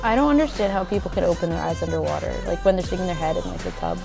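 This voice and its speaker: A woman's voice: lowish voice, very animated, racing, vocal fry, loud music behind the voice. A woman in her twenties, hungover and tired, chatting casually and listlessly as she hosts a reaction video. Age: 20s. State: hungover, exhausted, with a headache. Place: small indoor room at home.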